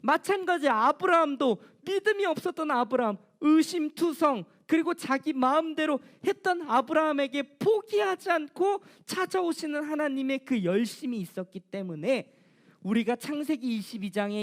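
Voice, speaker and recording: A woman pastor giving a children's sermon, telling the story with questions to the children. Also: sits high.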